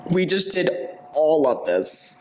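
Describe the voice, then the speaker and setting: Young woman cohost, super animated voice, laughs a lot, says like constantly. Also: sits low, slow pace. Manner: candid, laughs often, lots of "like" fillers. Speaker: podcast co-host. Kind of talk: casual chat.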